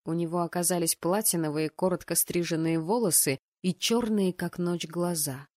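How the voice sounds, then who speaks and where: Woman, slightly low voice, dry close recording, audiobook narration, first-person fantasy, acted dialogue. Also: moderate pace, no echo. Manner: voices the rowdy students' shouts with bursts of pitch and volume.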